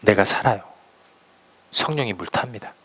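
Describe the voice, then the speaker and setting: A man preaching a sermon as pastor, speaking slowly and emphatically, and acting out little stories for his listeners. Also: on the low side, lively intonation, pushed and bright, husky. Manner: emphatic preaching, slow deliberate phrasing, acting out anecdotes.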